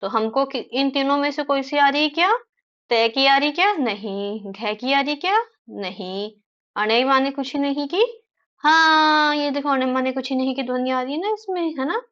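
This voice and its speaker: A woman teacher explaining word sounds to young children, repeating each word slowly and checking in with them often. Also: sits high, a bit bright, highs cut off. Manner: slow, stretched-out repetition of words; frequent tag questions to children. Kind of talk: children's phonics lesson.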